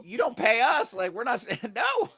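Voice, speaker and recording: A man's voice: very high voice, normal speed. A man co-hosting a casual talk radio show, swearing freely and acting out mocking impressions of other people. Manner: profane, animated, mocking impressions. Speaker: podcast co-host, former teacher.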